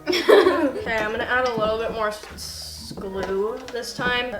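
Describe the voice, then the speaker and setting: A giggly young woman with a high voice chats casually while doing a craft challenge. She keeps laughing at her own jokes. The sound is echoey, with music playing behind her. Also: expressive, unhurried. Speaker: vlogger. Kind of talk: casual chat. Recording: echoey room with background music.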